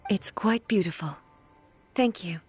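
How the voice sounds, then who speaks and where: A woman playing a solemn, dignified immortal female shogun in a video game, speaking formally and measuredly with a soft, wistful composure. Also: medium pitch, slightly rough, faint music behind. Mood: composed. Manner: formal, measured, archaic diction. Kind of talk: scripted video game voice acting.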